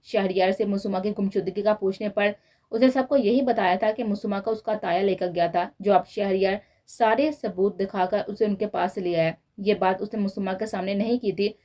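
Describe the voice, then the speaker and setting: A woman narrating a romance novel in a steady storytelling manner. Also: medium pitch, moderate pace. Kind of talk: novel reading.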